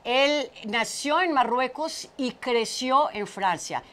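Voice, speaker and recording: A woman's voice: high voice, expressive, slow pace, a bit bright. Middle-aged woman host, casual interpreter, talkative, restarts often, lapel mic. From Portugal. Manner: chatty, repeats words while translating. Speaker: talk show host. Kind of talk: casual chat, interpreting for a guest. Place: small studio set with brick wall.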